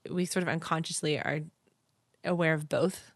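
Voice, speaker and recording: Woman co-host, low-ish voice, animated chat, dry close recording. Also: normal speed, no room sound. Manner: animated, chatty, acts out little voices. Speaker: podcast co-host. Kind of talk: casual chat.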